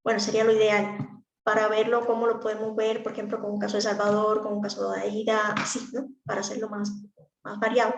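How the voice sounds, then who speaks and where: A woman's voice: mid-range voice, completely flat delivery, a little fast, vocal fry, roomy sound, dull audio, slight background noise. A woman teaching speech therapy to a class, explaining practically with examples. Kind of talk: online class lecture.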